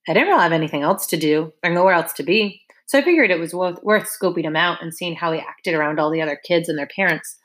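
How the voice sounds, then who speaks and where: A woman reading a first-person audiobook narration in a casual, wry, conversational way. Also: on the low side.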